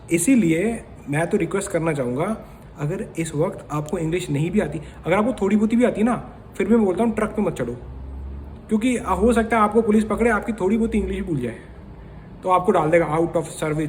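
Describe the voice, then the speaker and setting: A man's voice: high-pitched, fairly quick, darkish tone, a little hiss or hum. A man from India talking in a chatty, opinionated vlog, lecturing his viewers. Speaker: vlogger. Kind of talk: casual commentary vlog.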